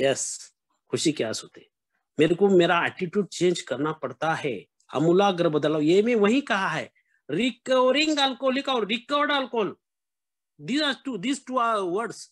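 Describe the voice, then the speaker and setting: A middle-aged man with a noticeably high voice. He speaks earnestly to a support meeting, often turning to his listeners as friends. He drops in English words as he goes. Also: lively intonation, measured pace, fairly bright tone. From Maharashtra, India. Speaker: recovering member sharing at a meeting. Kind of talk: personal recovery sharing at an online meeting.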